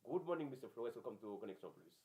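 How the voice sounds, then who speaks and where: A man hosting a community talk show, speaking haltingly and repeating his phrases as he introduces guests. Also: mid-range voice, lively intonation, dark tone. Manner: halting, repeats phrases, mixes in some French. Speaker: pastor and show host. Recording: echoey room.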